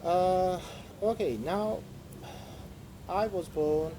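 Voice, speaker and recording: A man with an Azerbaijani accent talking as a podcast guest, halting and repeating words for emphasis in a conversational way. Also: sits high, warm tone. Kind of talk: conversational interview storytelling. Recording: clear background vehicle-like noise.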